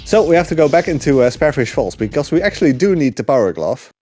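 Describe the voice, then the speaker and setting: A young man speedruns a game with its music in the background, chatting casually in a slightly high, sing-song, fast, somewhat mellow voice. His talk is loaded with fillers and little laughs.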